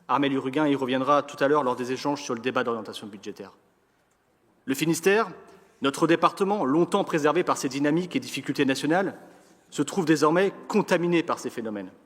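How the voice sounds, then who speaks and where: Reverberant chamber, man, fairly high-pitched voice, French accent from France, formal political address, measured rhetorical delivery, deliberate pauses. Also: fairly bright tone. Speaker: elected local councillor giving an opening speech. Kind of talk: formal political speech read from prepared text. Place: large council chamber. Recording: reverberant hall sound.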